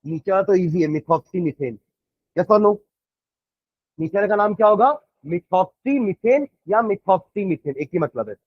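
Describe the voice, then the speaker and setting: A man teaching chemistry who explains quickly and then dictates notes slowly, word by word. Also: high voice, animated, dry recording, dull audio. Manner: switches between rapid explanation and slow word-by-word dictation. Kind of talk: classroom lecture, dictating notes.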